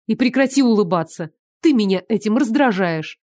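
A prickly young woman who is easily riled, as the woman reader puts her on. She speaks in a mid-pitched voice, sharp and scolding, in a dry, close audiobook read. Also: moderate pace, no room sound, close to an everyday voice. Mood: indignant. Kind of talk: audiobook character voice.

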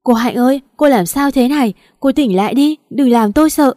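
A woman's voice: sits high, a little fast, dark tone, dry recording, studio quality, voice pushed up, lightly acted. A woman voicing a panicked middle-aged housemaid calling out urgently.

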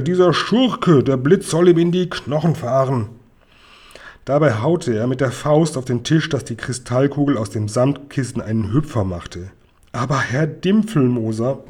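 Guy reading a kids' storybook out loud, calm and even, dark mellow voice. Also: medium pitch, slightly rough. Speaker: reader. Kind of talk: reading a children's book aloud.

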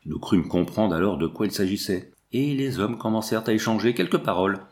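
Brief: male audiobook reader, low-pitched, steady and descriptive. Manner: measured, descriptive. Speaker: audiobook narrator. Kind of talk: scripted narration of a novel.

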